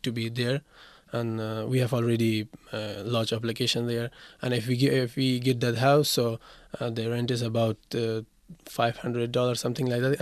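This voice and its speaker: A man in his twenties from Afghanistan, speaking English as an in an interview, halting with many fillers and restarts. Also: medium pitch, no echo, clean studio sound. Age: 20s. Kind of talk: interview answers.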